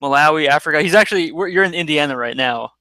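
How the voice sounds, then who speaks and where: A man's voice: a little high, lively intonation, quick pace, pushed and bright, smooth, dry recording. A man hosting a casual interview with a former student, asking friendly, rambling questions. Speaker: interview host, former teacher. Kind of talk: casual video-call interview.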